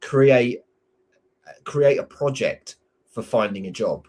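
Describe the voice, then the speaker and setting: A man's voice: mid-range voice, slow pace, a little mellow. A man hosting an interview, asking questions and sharing anecdotes in a chatty, conversational way. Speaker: host.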